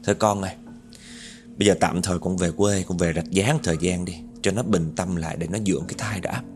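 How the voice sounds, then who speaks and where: A man voicing an elderly mother who softly coaxes and pleads with her daughter. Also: low-pitched, steady tone, quick pace, soft background music, natural voice. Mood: pleading. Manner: soft coaxing pleading.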